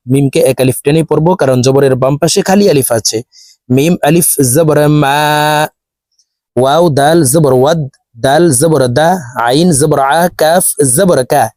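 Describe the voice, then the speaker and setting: A man teaching Quran recitation to viewers, spelling out each letter and vowel mark aloud and then chanting the verse slowly. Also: on the high side, a little mellow, no room sound, studio quality. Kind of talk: spelling-out tajweed lesson with slow chanted recitation.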